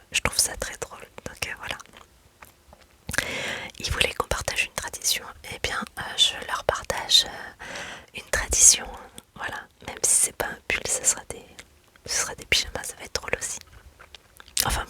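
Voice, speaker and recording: In a laid-back ASMR conversation, a video creator who is a mother speaks in a gentle whisper. Her delivery is hesitant, broken up by frequent pauses and fillers.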